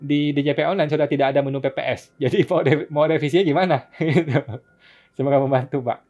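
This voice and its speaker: Speaking quickly in a fairly high, steady, somewhat mellow voice, this tax consultant runs a relaxed live-stream Q&A. Viewer questions are read out and answered with patience and plenty of chuckles. His phone or laptop microphone gives the stream a dull, lo-fi sound.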